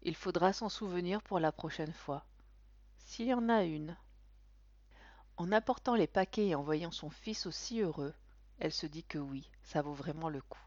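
Expressive woman reading a storybook. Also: lowish voice, moderate pace, no room sound. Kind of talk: storybook narration. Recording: dull, dry recording.

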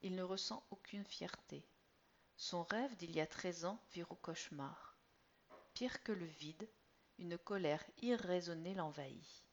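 Woman calmly reading a story. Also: on the low side, a little hiss or hum. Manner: measured, expressive, sometimes drops to near whisper. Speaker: narrator. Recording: slightly dull lo-fi recording.

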